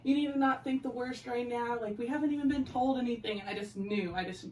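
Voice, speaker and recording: A woman's voice: fairly high pitch, quick pace, darkish tone. A woman hosting a podcast who talks in a frank, chatty way, full of likes and you knows. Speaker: podcast host. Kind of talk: casual podcast chat. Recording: echoey room, distant mic, crowd behind.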